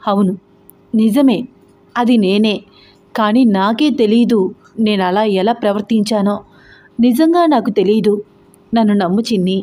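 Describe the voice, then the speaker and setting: A woman's voice: medium pitch, unhurried, long pauses, warm tone, lightly acted. A woman voicing a young husband who pleads and tries to explain himself, in an emotional audio story. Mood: tearful.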